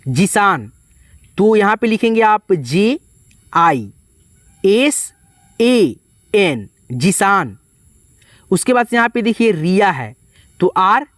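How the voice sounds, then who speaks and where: A man's voice: high voice, a bit bright, no room sound. Male tutor, patient step-by-step spelling lesson, dry and close to the mic. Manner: spells letter by letter, repeats "ठीक है" and "दोस्तों". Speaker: English teacher.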